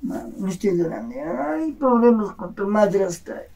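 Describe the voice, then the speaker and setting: A woman's voice: medium pitch, expressive, moderate pace, mellow. A woman playing a henpecked old pensioner man who complains plaintively, in Andean Peruvian Spanish, in a comedy sketch. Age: over 60.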